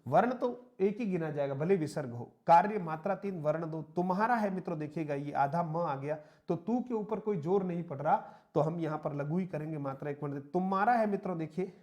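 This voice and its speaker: A man's voice: on the high side, a little fast, hardly any pauses, darkish tone. A man teaching an online exam-prep lesson, patiently explaining step by step and counting syllables aloud. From India. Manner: addresses listeners as friends, explains step by step with slides. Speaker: Hindi teacher.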